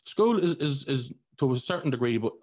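In a casual podcast conversation, a man from Ireland in his 40s does the hosting, speaking at a moderate pace with a darkish, mid-range voice and lively intonation. He is blunt and heated, and he swears freely.

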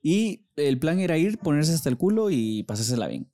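A man's voice: on the high side, sing-song, moderate pace, mellow. A young man, co-hosting a podcast, reminiscing in a rambling casual chat full of fillers. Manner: rambling, many fillers like "o sea". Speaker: podcast co-host.

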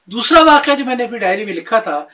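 A man retelling a memoir as casual talk, animated, acting out the quoted dialogue. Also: very high voice, distant mic.

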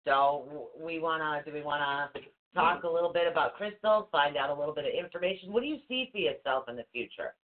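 A woman's voice: sits low, expressive, fast. A woman hosting an online talk show, chatting in a rambling, self-interrupting way, a bit stuffy with allergies. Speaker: show host. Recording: tinny phone-like call audio.

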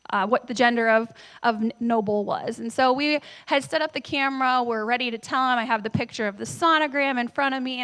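Woman pastor in her thirties with a slightly high voice, preaching chattily to her church and quizzing the crowd. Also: a bit bright. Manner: conversational, tells family stories, asks the audience questions. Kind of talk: sermon. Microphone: handheld microphone.

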